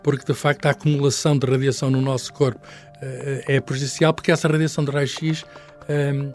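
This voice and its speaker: An older man with a European Portuguese accent explains science in a relaxed chat, pausing and restarting often. His pitch sits mid-range, and faint music plays underneath. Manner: hesitant, many restarts and fillers, chuckles often. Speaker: science professor guest.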